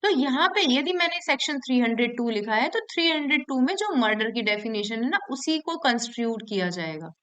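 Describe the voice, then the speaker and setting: Woman teaching law, higher voice. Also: expressive, a bit bright, clear, resonant tone, rough recording. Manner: explains by repeating herself and asking the class questions; reads statute text aloud slowly. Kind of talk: classroom lecture.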